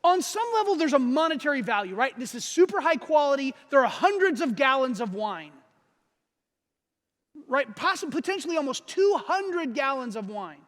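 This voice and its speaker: A man's voice: extremely high pitch, very animated, normal speed, fairly bright tone. A man in his forties preaching a sermon as a pastor, casual and joking, acting out the people in the story. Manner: conversational, jokey, acts out voices of characters. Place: church sanctuary. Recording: echoey church hall.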